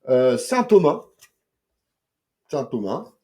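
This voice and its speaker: A French man talks through a few comic books in a loose, slangy way, stumbling over restarts and fillers. His voice sits at a middle pitch but swings widely up and down as he gets carried away. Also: takes it slowly. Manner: lively, slangy and full of restarts. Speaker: comics reviewer. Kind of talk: casual spoken review.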